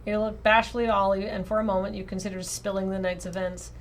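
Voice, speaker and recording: Reading a visual novel for her stream audience, a woman keeps things expressive and relaxed, regularly pausing for playful remarks. Her voice is mid-range and her delivery fast.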